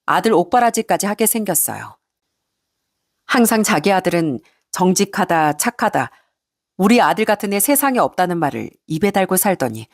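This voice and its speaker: A woman narrates a first-person story in a chatty, indignant tone, as if confiding in listeners. Her voice sits at a mid pitch and sounds dry and close, with no room echo. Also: a little mellow. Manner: conversational, recounting with indignation.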